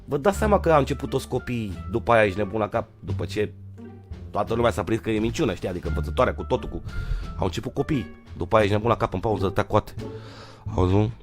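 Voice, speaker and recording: A young man from Romania's Giurgiu area telling a comic storytime tale in slang, swinging from loud outbursts to low mutters. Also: animated, soft background music. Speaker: vlogger.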